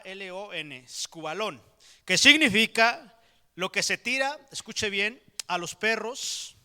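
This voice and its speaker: A man's voice: high-pitched, sharp tone, clean tone. A man with a Mexican Spanish accent preaching a sermon as pastor, emphatic and putting direct questions to the congregation. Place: church hall. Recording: reverberant church hall.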